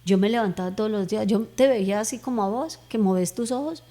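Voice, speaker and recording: Warm-voiced woman giving an earnest testimony. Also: mid-range voice, fairly quick. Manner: earnest, emotional storytelling with fervent prayer retold aloud. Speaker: guest giving a faith testimony. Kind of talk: personal testimony in conversation.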